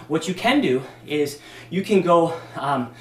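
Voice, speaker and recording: A man's voice: a little high, animated, a little slow. Slightly breathless male fitness instructor. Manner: casual, demonstrating moves with many ums. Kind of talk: workout demonstration. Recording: echoey room, distant mic.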